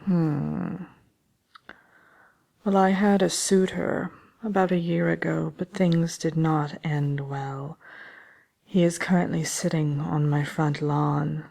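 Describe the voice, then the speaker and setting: A woman acts out a vain fairy-tale wicked witch hosting her own ASMR chat show. The voice is fairly low for a woman, husky and full of creak. She drawls with smug, condescending grandeur. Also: fairly even intonation, takes it slowly, warm tone, full character voice. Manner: haughty, drawling, self-satisfied.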